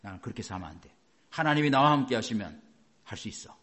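A man preacher voicing an ancient man who quietly vows he cannot go on living this way, in a low, earnest tone. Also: expressive, quick pace. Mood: determined pleading. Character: desperate ancient man resolving to change his life.

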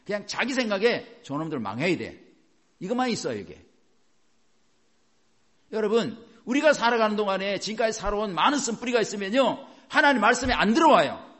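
A man preaching a sermon in an animated way, asking rhetorical questions and chuckling as he goes. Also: high-pitched, brisk. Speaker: pastor.

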